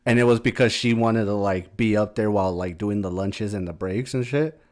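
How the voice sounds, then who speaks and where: A man's voice: on the low side, fairly quick, darkish tone. A man in casual podcast chat, laid-back and slangy, chiming in with short agreements and his own stories. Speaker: podcast co-host.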